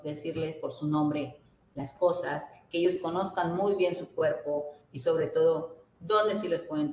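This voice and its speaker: A woman's voice: sits low, a little hiss or hum. A woman gives an earnest workshop talk, often checking in with her listeners. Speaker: workshop speaker. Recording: roomy echo.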